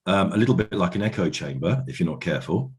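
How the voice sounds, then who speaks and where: A man's voice: low voice, big pitch swings, fast talker. A man answering as an interview guest in casual, reflective talk, often hedging as he goes.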